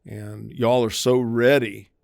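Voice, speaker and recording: A man's voice: medium pitch, flat delivery, takes it slowly, vocal fry, darkish tone, no room sound, clean studio sound. A man, a private investigator, talking through safety tips in a conversational podcast interview, often acting out quoted voices. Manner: conversational, acts out quoted voices, emphatic warnings.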